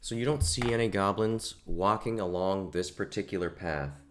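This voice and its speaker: A man's voice: deep voice, normal speed, fairly bright tone, a little hiss or hum. A young man narrating as game master, casually explaining rules and laughing easily.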